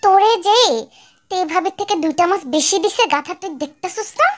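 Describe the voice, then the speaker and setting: একজন নারী কণ্ঠ দিচ্ছেন এক কড়া, খিটখিটে বয়স্ক শাশুড়ির চরিত্রে, বাংলাদেশি টানে ধমকে কথা বলেন। কণ্ঠটা নারীর তুলনায়ও খুব উঁচু, আর কথায় ঝাঁঝ আর খোঁচা লেগেই থাকে। এক ফ্যান-ডাব নাটকের চরিত্র।. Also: female voice, very high voice, fairly quick, background noise. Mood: scolding. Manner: harsh, nagging, abusive scolding. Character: bossy scolding village mother-in-law, older woman. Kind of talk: fan-dub radio drama.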